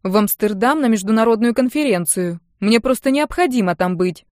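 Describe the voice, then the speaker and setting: A woman's voice: on the high side, expressive, moderate pace, dry recording, studio quality, voice pushed up, close to an everyday voice. A woman voicing a flighty grown man, an artist father who pleads and apologizes to dodge his duties. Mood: pleading. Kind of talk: audiobook character voice.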